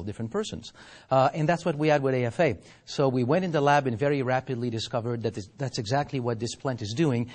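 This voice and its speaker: Male science officer, medium pitch, formal and explanatory, answering as an interview guest. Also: darkish tone.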